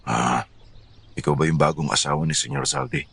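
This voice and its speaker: A man voicing a grave older village man in an audio horror story, with a gravelly, husky voice and ominous warnings. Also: a bass voice, sing-song, brisk, a bit bright, no echo, pitched below the performer's own voice, heavily acted.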